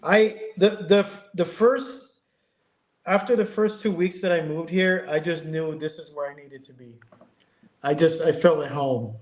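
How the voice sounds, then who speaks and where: A man in his fifties from Connecticut, speaking as a podcast guest with a slightly raised pitch. He talks in a casual, halting way, full of ums and restarts. The recording sounds roomy and echoey. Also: steady tone. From Connecticut, USA. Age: 50s. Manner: hesitant, many ums and restarts. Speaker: guest, airbrush artist. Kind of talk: casual interview chat.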